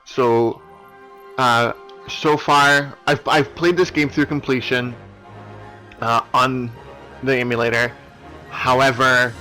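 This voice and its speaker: Over video game cutscene music, a man offers casual, rambling let's play commentary. His medium-pitched voice is bright and forceful in tone, though he talks in a hesitant, apologetic way.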